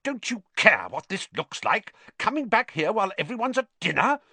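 Male reader as a pompous teenage boy, officious, scolding, raised pitch, very animated, storybook character. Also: normal speed, dry recording, full character voice. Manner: officious, indignant, terse. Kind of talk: audiobook character acting.

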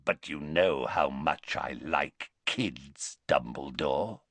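A man voicing a menacing male werewolf with a rasping, barking voice. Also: extremely low pitch, slow pace, a bit bright, no room sound, pitched below the performer's own voice, full character voice. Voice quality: rasping bark.

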